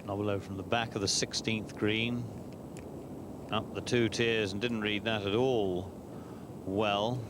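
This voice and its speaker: A man's voice: on the low side, fairly even intonation, a little slow, noisy background. A man giving live commentary on golf putting from an outdoor broadcast.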